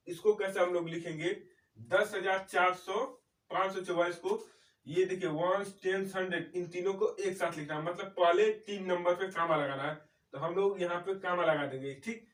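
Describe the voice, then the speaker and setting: A man with a high voice walks through a math lesson one step at a time and checks in with "okay" after each point. He stands some way from the mic, and the room around him rings with echo. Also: far from the mic. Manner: explains slowly, often checks in with "okay". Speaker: teacher. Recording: echoey room, speaker away from mic.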